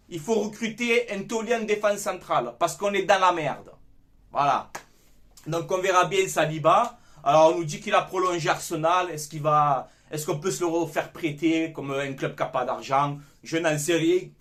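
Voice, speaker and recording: A man's voice: high-pitched, a bit bright. A young man giving a heated, casual football debrief, swearing freely as he rants. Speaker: football fan commentator.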